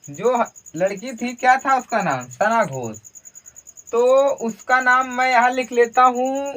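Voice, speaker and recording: A man's voice: very high voice, sharp tone, distant mic, poor audio. A man teaching a blackboard grammar lesson, firing questions at his listeners and answering them himself.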